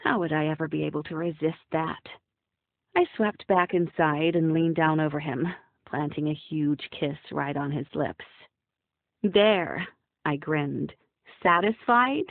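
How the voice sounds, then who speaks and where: A woman's voice: low-pitched, fairly even intonation, normal speed, gravelly, no room sound. A young woman narrating an audiobook in the first person, wry and playful. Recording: dry, phone-like narrow sound.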